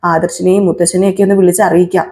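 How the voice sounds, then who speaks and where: A woman voicing a worried middle-aged father who calmly pleads and reproaches. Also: fairly low pitch, very fast, creaky. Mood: concerned.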